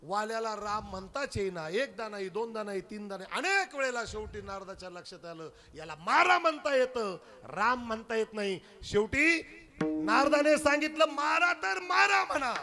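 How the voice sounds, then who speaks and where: High-voiced man preaching a Marathi kirtan. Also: expressive, moderate pace. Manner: acts out voices of the story, shifting between hushed telling and loud sung cries. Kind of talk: devotional kirtan sermon with sung refrains.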